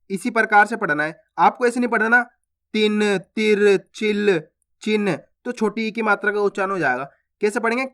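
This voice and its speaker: A man teaching Hindi reading, sounding out syllables slowly and stretching each word, with quicker explanations between. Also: high-pitched, sharp tone. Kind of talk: slow phonics lesson, drawn-out syllables.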